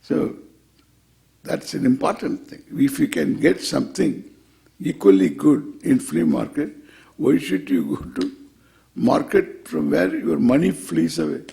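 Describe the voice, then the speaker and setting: A man's voice: on the high side, a little slow, gravelly, warm tone. A man with an Indian English accent gives an informal spiritual discourse as a swami, playful and wry, posing questions, answering them and repeating phrases for emphasis.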